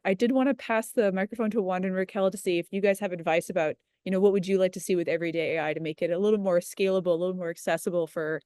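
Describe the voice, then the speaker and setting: A woman's voice: lowish voice, darkish tone, clean tone, no room sound, studio quality. A woman leading an education program, explaining it in long, eager runs during a panel discussion over a video call.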